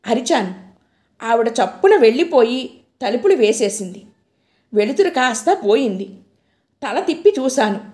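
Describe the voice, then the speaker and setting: A woman's voice: high voice, a little mellow. A woman with a Telugu accent narrating a novel in the first person, reading with strong emotion. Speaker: audiobook narrator.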